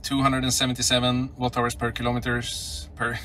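A Swedish vlogger gives casual road-trip commentary while driving, relaxed and chatty, often saying "uh" and "you know". His medium-pitched voice runs a little fast. Inside the moving car, loud road and engine noise fill the recording.

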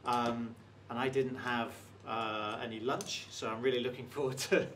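A man hosting a cooking show who tastes a dish and praises it in a halting, restarting way. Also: mid-range voice, fairly even intonation, fairly bright tone, slight background noise. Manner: effusive, praises the food while tasting. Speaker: host. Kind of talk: casual cooking show chat.

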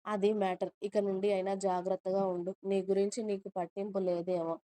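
A woman voicing a young man in love in an audio story, teasing and caring in a soft tone. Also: medium pitch, little pitch movement, brisk, smooth, no room sound, natural voice. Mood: tender.

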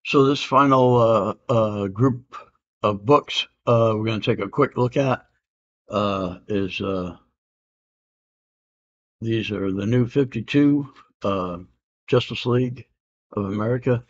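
Speaking slowly with long pauses in a lowish voice, a fiftysomething comic collector chats casually while showing an auction win. He rambles in a relaxed way, saying "uh" a lot along with "man" and "I can dig it"; the room has comic art on the walls and the home camera audio is dull and lo-fi.

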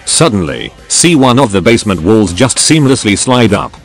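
Low-pitched man narrating, lively intonation. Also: normal speed. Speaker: narrator reading stories aloud. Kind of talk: scripted dramatic narration of informal first-person stories. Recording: music behind the voice. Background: music.

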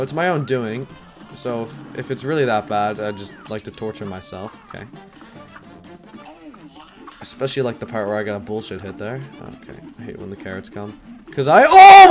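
A young man giving casual commentary while streaming a hard game, chatty and self-deprecating, with many fillers and sudden yelps. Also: on the low side. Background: game music.

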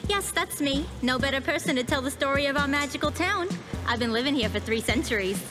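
A woman's voice: high-pitched, animated, brisk. A woman voicing a bossy, centuries-old cartoon witch who talks in a brusque, commanding, theatrical way. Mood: storytelling. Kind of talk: animated cartoon voice acting. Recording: loud music under the voice.

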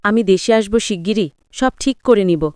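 A woman's voice: medium pitch, moderate pace, clean tone, no room sound, clean studio sound, pitched below the performer's own voice, close to an everyday voice. A woman voicing a tender young husband who works abroad, read aloud in an audio story. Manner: gentle, tender.

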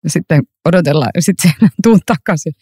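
A woman's voice: on the low side, husky, dry recording. Laughing, chatty woman telling stories, dry. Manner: animated anecdotes, frequent laughter, many fillers. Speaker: actor, podcast guest. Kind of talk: casual interview storytelling. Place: library room.

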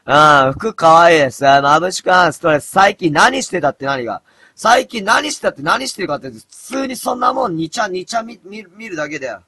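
A man in his thirties chatting casually on a late-night live stream, mumbling low and then breaking into loud, rough outbursts. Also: expressive, a little fast, dry recording. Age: 30s. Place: dim room at home.

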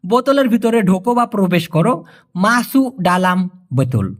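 Lively high-voiced man teaching words. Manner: explains each word slowly, repeats phrases and asks if it is clear; jokes with the viewer. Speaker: language teacher. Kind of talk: casual video lesson.

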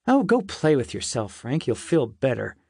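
A woman's voice: a bass voice, big pitch swings, normal speed, creaky, warm tone, slightly rough, no room sound, clean studio sound, exaggerated voice. A male audiobook narrator voicing a harsh, blunt young woman who teases and mocks crudely. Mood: mocking. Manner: mocking and crude.

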